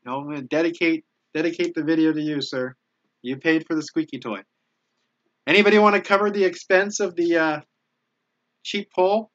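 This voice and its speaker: Thanking viewers for donations on his live stream, a YouTube host talks casually in a fairly high, fairly bright voice. He's easily moved by the gifts and speaks haltingly, frequently restarting. There's no room sound, and the audio is dull.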